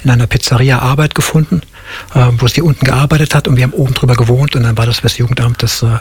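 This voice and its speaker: Relaxed, slightly husky male guest. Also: medium pitch, racing, no room sound. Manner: relaxed, plain-spoken, many fillers. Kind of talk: casual interview chat.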